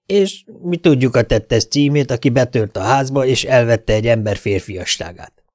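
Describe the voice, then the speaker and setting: A male reader puts on a smug, pushy blackmailer who lets his words drag out with insolent calm. The voice sits a touch above an ordinary male pitch and is recorded close and dry, with no room around it. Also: dry recording, lightly acted. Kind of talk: audiobook character voice.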